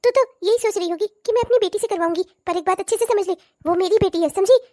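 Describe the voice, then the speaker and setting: A cartoon stepmother, voiced by a woman, scolds and curses at a rapid clip. Her voice sits very high and shrill, with a nagging edge. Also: warm tone. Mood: scolding. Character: harsh scolding stepmother, middle-aged woman. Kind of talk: cartoon voice acting.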